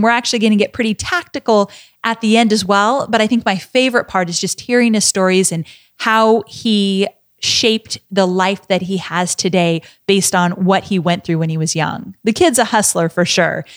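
A woman's voice: on the high side, no echo. Upbeat woman podcast host, dry sound. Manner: upbeat, enthusiastic. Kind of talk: scripted podcast intro and interview.

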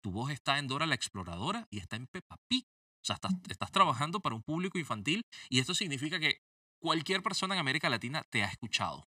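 A man hosting a pop culture interview show with a lively, ironic delivery. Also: fairly high pitch, quick pace, no echo, studio quality, distant mic. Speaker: host.

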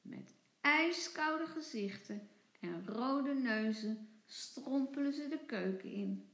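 A woman teacher reading a children's storybook aloud in an expressive, sing-song way. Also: high-pitched, takes it slowly, reverberant.

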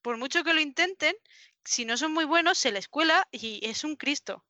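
A woman's voice: high voice, lively intonation, normal speed, sharp tone, no room sound. Woman, casual podcast chat, exasperated, swears, dry mic. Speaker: podcast co-host.

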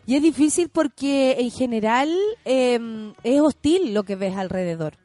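A woman with a Chilean accent hosting a casual conversation, supportive and quick to finish the other speaker's thoughts. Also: fairly high pitch, expressive, warm tone, dry recording. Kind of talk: casual chat.

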